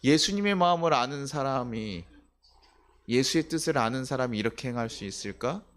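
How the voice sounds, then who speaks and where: Male pastor, 30s, mid-pitched, preaches to his congregation in a chatty sermon, quizzes them and acts out little voices. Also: animated, fairly quick, a bit bright. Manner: conversational, asks the congregation questions, acts out quoted voices. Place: church sanctuary.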